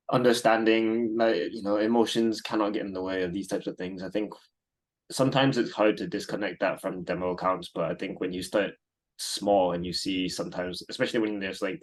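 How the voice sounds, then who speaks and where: This guest is a thirtysomething man from Singapore with a low voice. He responds to interview questions casually and meanders, often restarting and leaning on filler words.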